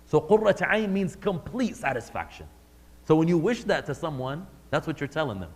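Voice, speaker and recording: At a normal pace but very animated, a man with a voice on the high side gives a religious lesson to a live class. He speaks conversationally, quizzing his audience, and long hall reverb colors the sound.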